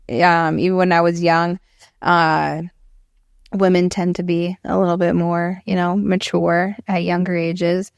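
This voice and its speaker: A woman in her thirties talking in a relaxed podcast conversation, reflective and laughing easily, with plenty of fillers. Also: lowish voice, smooth, dry recording, studio quality. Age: 30s. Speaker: podcast guest.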